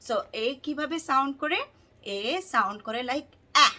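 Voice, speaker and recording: A woman's voice: high-pitched, bright, forceful tone. A woman with a Bangladeshi accent teaching letter sounds to children, drawing out words and repeating them in a sing-song way. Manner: slow, drawn-out, sing-song repetition, switching between English and Bangla. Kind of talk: phonics lesson for kids.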